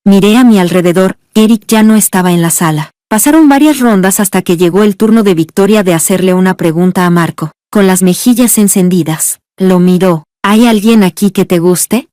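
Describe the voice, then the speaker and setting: Mellow-voiced woman narrating a story. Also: medium pitch, no room sound, clean studio sound. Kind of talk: scripted first-person story narration.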